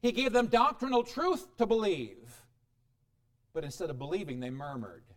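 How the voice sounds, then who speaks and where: A male preacher delivers a sermon in a high, very lively voice that swoops up and down. He reads scripture aloud and then explains it, dropping to a near hush and rising again with frequent chuckles. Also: normal speed. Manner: dramatic shifts in pitch and volume, chuckles often.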